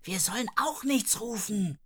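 A woman voicing a sensible young girl who speaks in a hushed, whispering way, in an audiobook. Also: mid-range voice, lively intonation, measured pace, slightly rough, pitched above the performer's own voice. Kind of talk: audiobook character voice.

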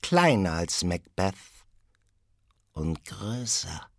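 A man voicing an old witch who greets with slow, ceremonious prophecy. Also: low voice, sing-song, gravelly, no room sound, studio quality, exaggerated voice. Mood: ceremonial. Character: first witch, old woman, solemn prophetess.

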